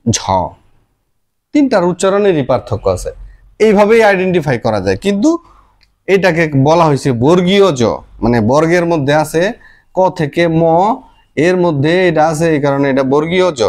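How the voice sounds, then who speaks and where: A man's voice: on the high side, expressive, normal speed, pauses often, darkish tone. A man giving a casual lesson, spelling out letters one at a time and explaining pronunciation to parents. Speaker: teacher.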